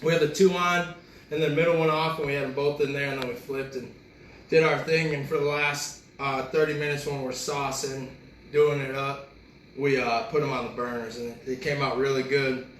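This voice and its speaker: A man hosting a casual cooking video, chatting in a relaxed way while he eats. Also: mid-range voice, moderate pace, reverberant, a little hiss or hum, low-quality recording. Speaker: cooking show host.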